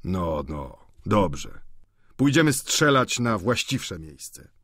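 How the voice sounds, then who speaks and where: A man reading the part of a sly, cynical middle-aged schemer who talks with slow mockery. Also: low voice, big pitch swings, a bit bright, no room sound, studio quality, full character voice. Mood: persuasive. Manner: mocking, slow and deliberate.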